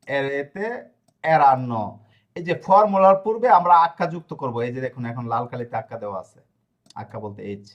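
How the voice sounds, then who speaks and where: A man with a somewhat high voice teaches a grammar lesson. He explains patiently, spelling out endings slowly and pausing often to ask whether the students follow. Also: lo-fi sound. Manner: explanatory, checks understanding with frequent questions. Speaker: language teacher.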